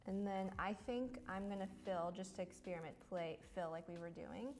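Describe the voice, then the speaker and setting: A woman's voice: fairly low pitch, steady tone, normal speed, a little mellow. A woman giving a casual hands-on art lesson, explaining each step in an encouraging way. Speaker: lettering art teacher.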